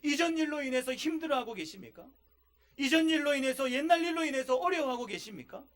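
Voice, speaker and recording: A man's voice: extremely high pitch, expressive, fast talker, fairly bright tone. A male pastor preaching a sermon, asking his congregation rhetorical questions and stressing key lines with emphasis.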